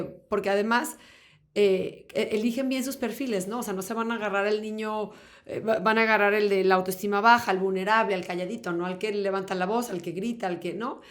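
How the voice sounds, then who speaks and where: A woman hosting an interview, chatty and affirming, with many fillers. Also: medium pitch. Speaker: podcast host. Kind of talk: conversational interview.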